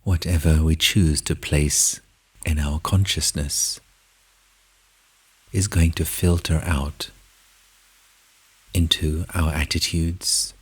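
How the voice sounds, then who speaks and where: Guiding a meditation, a man with a very deep, husky, breathy voice narrates in short, measured phrases, leaving long pauses after each.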